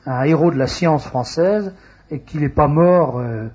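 A man hosting a radio talk show, reading announcements in a halting way with frequent hesitations. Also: on the high side, a little mellow, slight background noise. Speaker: radio host. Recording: dull lo-fi radio recording.

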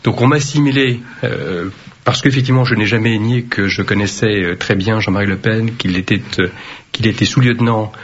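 A man who serves as a mayor, answering interview questions firmly and deliberately, with frequent hesitations. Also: on the low side, breathy edge. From Vietnam. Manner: firm, measured, with frequent hesitations. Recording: dull lo-fi radio recording.

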